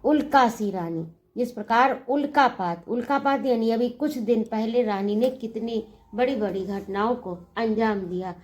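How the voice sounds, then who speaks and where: A woman's voice: fairly high pitch, a little slow. A woman teacher explaining a poem, reciting each line and then paraphrasing it in simple words. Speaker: Hindi teacher.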